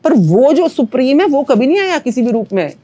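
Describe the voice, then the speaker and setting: A woman's voice: high voice, very animated, fairly quick, warm tone. A woman, a manifestation coach, speaking as a podcast guest and explaining ideas in an earnest, teacherly way with everyday analogies. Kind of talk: spiritual podcast conversation.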